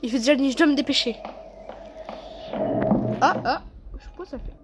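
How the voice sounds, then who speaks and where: Woman doing a high-voiced cheeky young boy. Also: moderate pace, loud music behind the voice, close to an everyday voice. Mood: wary.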